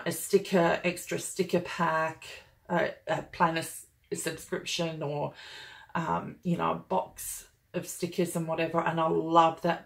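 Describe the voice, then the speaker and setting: A woman's voice: fairly low pitch, vocal fry. A woman talking casually and enthusiastically as she unboxes and reviews a planner kit, gushing over each item. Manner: gushing and enthusiastic, chatty with fillers.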